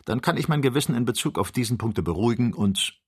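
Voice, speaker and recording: A man's voice: mid-range voice, expressive, fast, breathy edge, voice pushed up. A man reading aloud, voicing a worried adult male hunter who pleads with his friend. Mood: pleading.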